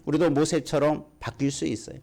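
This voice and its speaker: A man's voice: on the high side, level tone, fairly quick, gravelly, mellow. Korean man preaching with emphatic peaks. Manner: preaches with rising, emphatic peaks and questions to the congregation. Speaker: pastor. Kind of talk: sermon.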